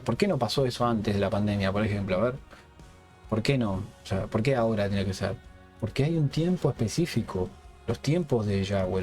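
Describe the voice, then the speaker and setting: A man with a mid-range, slightly mellow voice gives an off-the-cuff Bible teaching for a Hebrew-roots ministry. He tacks a questioning "yes?" onto almost every phrase and frequently restarts words.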